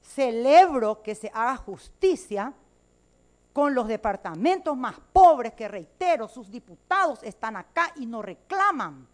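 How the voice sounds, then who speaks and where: A woman lawmaker with a Paraguayan Spanish accent delivers a floor speech in the chamber. Her voice sits a little high, and she speaks emphatically, with indignation and fight. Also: big pitch swings, unhurried. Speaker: legislator. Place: legislative chamber.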